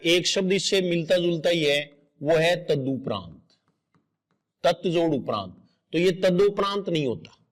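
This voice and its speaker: A middle-aged man teaching exam grammar in a patient lecture, explaining step by step and repeating each correct word aloud. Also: high voice.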